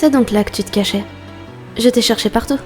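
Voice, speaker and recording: A woman's voice: a little high, fairly quick, a little mellow, close to an everyday voice. A woman voicing a cool, composed young female cat in an amateur French game fan dub. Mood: cool, matter-of-fact. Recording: background music under the voice.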